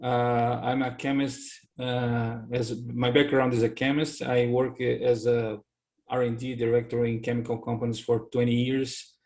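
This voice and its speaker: Flat-voiced middle-aged man. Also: medium pitch, measured pace. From Brazil. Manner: earnest, with frequent fillers. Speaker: chemist and consultant, course participant. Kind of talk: self-introduction on a video call.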